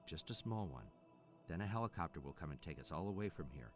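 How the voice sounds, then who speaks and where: A very low male voice over clear background music. a calm, firm survivor in a video game, talking people round in a businesslike, reassuring way. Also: fast talker.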